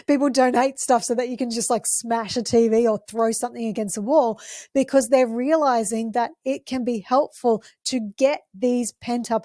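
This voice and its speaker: A woman hosting a parenting podcast, explaining gently and using examples. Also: fairly high pitch, no room sound, studio quality.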